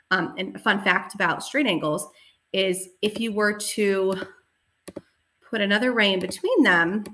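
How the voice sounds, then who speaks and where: Woman, teacher, recorded math lesson, patient step-by-step explaining, frequent ums, mid-pitched voice. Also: fairly bright tone.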